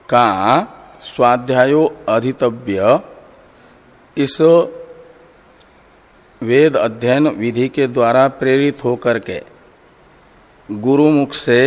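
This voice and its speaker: A man teaching scriptural commentary, reciting Sanskrit passages and then explaining them word by word in a measured, deliberate way. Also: mid-range voice. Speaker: Vedanta teacher. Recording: long hall reverb.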